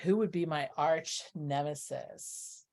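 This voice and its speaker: With a deep, slightly mellow voice and a slow delivery, a middle-aged woman from Texas, United States, gives casual interview answers as a theatre producer. She reasons aloud, correcting herself as she talks.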